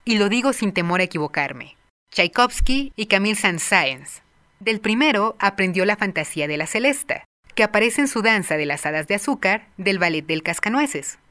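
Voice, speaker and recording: A woman presenting a music appreciation lesson, explaining film music clearly and addressing her viewers directly. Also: mid-range voice, expressive, normal speed, pushed and bright. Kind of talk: scripted educational narration.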